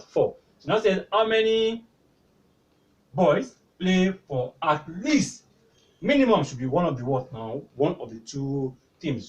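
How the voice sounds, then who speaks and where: A man with a somewhat high, slightly mellow voice teaches a maths lesson at a whiteboard, explaining step by step. He keeps prompting the class with "what now?" and the lo-fi audio sounds recorded from a distance.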